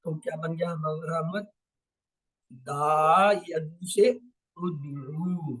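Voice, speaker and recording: Over poor audio, a high-voiced man teaches Quranic grammar step by step, posing questions to himself and then answering them. He stretches out each Arabic drill word slowly and says it more than once.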